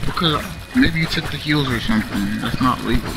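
A man bantering with friends while playing an online game, shouting out calls and repeating words when hyped. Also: medium pitch, brisk. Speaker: gamer in voice chat. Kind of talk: excited casual gaming banter. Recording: noisy game-audio backdrop.

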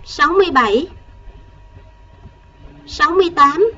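A woman primary school teacher giving a recorded math lesson to first graders, counting patiently and gently coaxing the children along. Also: high voice, animated, moderate pace, distant mic, lo-fi sound, slight background noise.

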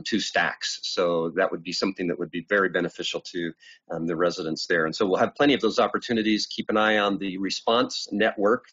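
Low husky man on a video call. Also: fairly bright tone. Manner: halting, many ums and restarts. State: getting over an illness. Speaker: city manager. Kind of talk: giving a report at a council meeting. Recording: muffled video call audio.

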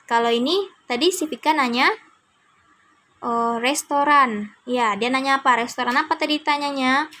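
A woman's voice: high-pitched, moderate pace, sharp tone. A young woman with an Indonesian accent teaching a class, encouraging her students and patiently correcting their pronunciation. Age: young adult.

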